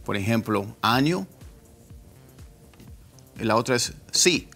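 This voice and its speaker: Guy doing a pronunciation lesson, regular pitch, says words over n over slow, bit of music in back. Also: animated, creaky, sharp tone. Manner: drills words by repeating them slowly. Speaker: English pronunciation teacher.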